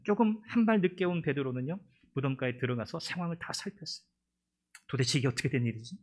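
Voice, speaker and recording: A male pastor preaching a sermon, retelling a story with emphasis and asking the congregation rhetorical questions. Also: fairly high pitch.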